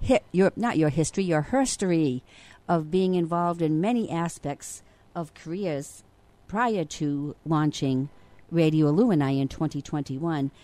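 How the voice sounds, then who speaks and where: Woman radio host, very low voice, mellow tone, polite and measured. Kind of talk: radio interview hosting.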